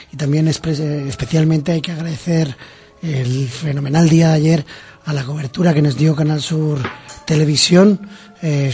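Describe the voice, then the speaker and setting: A hoarse man joins the studio as co-host. His voice is husky and dark, pitched a little above the usual for a man. He chats easily and teases his colleague. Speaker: radio co-host. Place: radio studio.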